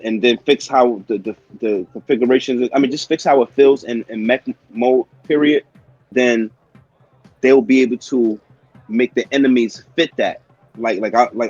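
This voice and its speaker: A man's voice: mid-range voice, a little mellow, no echo. A man giving game feedback on a stream, rambling and repeating his words. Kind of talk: casual stream chat. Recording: muffled lo-fi mic.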